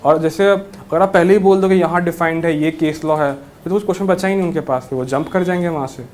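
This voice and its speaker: Young male interview guest, slightly high voice, reassuring and casual, faint noise behind. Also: fast, a little mellow. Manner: friendly, reassuring, mixes English words into Hindi. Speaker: interview guest, newly selected civil judge.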